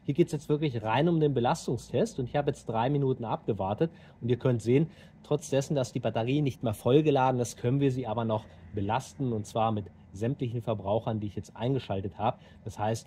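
A man in his thirties hosting a how-to video, explaining to viewers in a steady, direct way while standing outdoors in a driveway by a car. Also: medium pitch, fairly quick, a little hiss or hum. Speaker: DIY car channel host.

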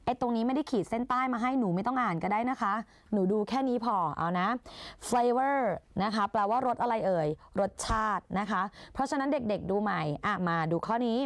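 A woman's voice: fairly high pitch, no room sound. A young woman tutoring exam English in a chatty, playful way, casting herself as an older sister who coaxes her students along. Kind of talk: Thai exam-prep lesson.

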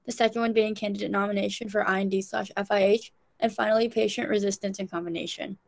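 A woman's voice: medium pitch, steady tone, fast, gravelly. A young woman from California, a student intern, presenting slides on a video call. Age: young adult.

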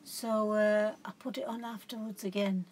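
With a medium-pitched, level, darkish voice at a moderate pace, a woman vlogs about her crafts from home. It's a relaxed show-and-tell, and she's chatty and rambling, self-correcting along the way.

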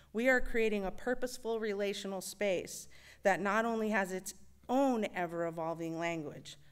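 A woman serving as worship associate, giving a thoughtful, measured personal reflection with touches of wry humor in a church service. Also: mid-range voice, smooth. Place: church sanctuary.

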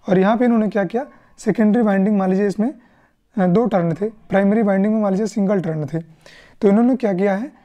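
The audio is lo-fi as an Indian-accented woman teaches electrician exam questions in a question-and-answer explanation. Her medium-pitched voice has a dark tone, and she goes step by step, frequently adding short tag questions to check in.

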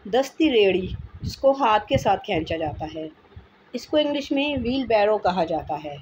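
A woman's voice: medium pitch, lively intonation, moderate pace, darkish tone. A woman giving a vocabulary lesson, patiently repeating each word as she explains it. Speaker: teacher. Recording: noisy home recording.

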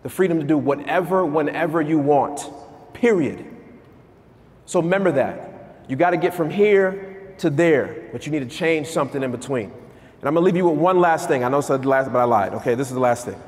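A man in his thirties giving an energetic motivational keynote on stage in a large conference hall, asking the crowd questions. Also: fairly high pitch, fairly quick. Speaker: keynote speaker. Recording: long hall reverb.

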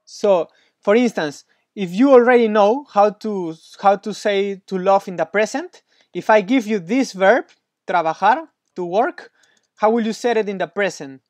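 A man's voice: high voice, moderate pace, dry recording. A man tutoring Spanish one-on-one, patient and encouraging, praising often, with slightly non-native English phrasing. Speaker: Spanish teacher.

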